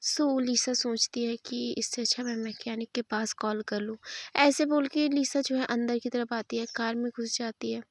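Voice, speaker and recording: A woman's voice: fairly high pitch, steady tone, moderate pace, no room sound. A woman casually retelling a love story episode in a chatty, self-correcting way.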